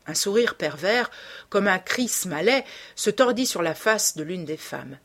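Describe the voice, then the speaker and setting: A woman narrating a classic novel as an audiobook in a slow, measured way. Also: medium pitch, expressive, a bit bright.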